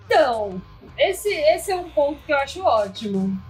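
A woman co-hosting a podcast, chatting casually with opinionated, quick-reacting banter. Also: high-pitched, very animated, a little mellow, faint music behind. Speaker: podcast co-host. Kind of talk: casual chat.

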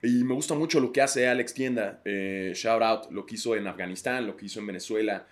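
A man's voice: lowish voice, fairly quick. A man with a Mexican accent hosting a podcast, rambling crudely in a casual comedic monologue and laughing often. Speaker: podcast host.

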